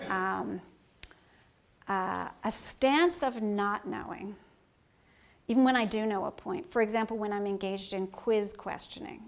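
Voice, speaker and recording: A woman giving an academic lecture, thoughtful and halting, with frequent ums and self-corrections, reading quoted passages aloud. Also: mid-range voice, gravelly. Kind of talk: academic lecture on conversation analysis.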